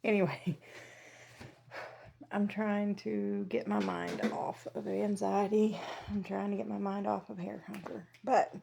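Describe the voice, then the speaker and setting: A woman with plenty of vocal fry chats informally at a medium pitch. She chews while talking, as in an eat-with-me vlog. Her speech wanders and she often interrupts herself. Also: slow pace, mellow, slight background noise. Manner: chewing food while talking; rambling, self-interrupting, chuckling between phrases. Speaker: vlogger. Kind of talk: casual chatty eat-with-me vlog.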